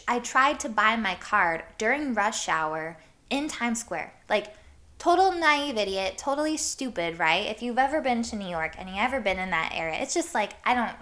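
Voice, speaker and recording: A woman from Iowa hosting her podcast, telling stories in a hyper, animated way with casual swearing. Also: medium pitch. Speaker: podcast host. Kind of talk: casual storytelling monologue.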